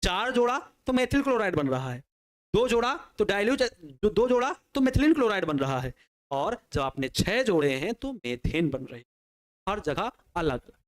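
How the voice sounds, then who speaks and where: High-voiced man teaching chemistry. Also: sing-song, moderate pace. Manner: repeats questions and answers them for the students; explains step by step at a working pace. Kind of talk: online exam-prep lecture.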